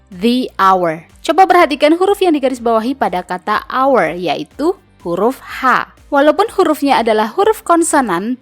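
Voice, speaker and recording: A fairly high-voiced woman narrates a scripted English lesson, slowing down to repeat each example word clearly. Soft music plays faintly under her voice-over. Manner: slow, careful repetition of example words. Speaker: English teacher.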